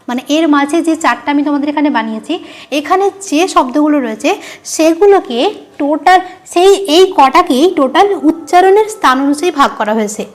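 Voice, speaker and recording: A woman teaches a grammar lesson at a board in a high voice. She keeps asking her students questions and then answering them herself, repeating each key term so it sticks.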